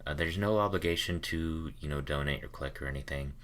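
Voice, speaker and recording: A man's voice: extremely low pitch, brisk, a bit bright, a little hiss or hum. A man hosting a podcast, asking questions casually with many ums and uhs. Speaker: podcast host.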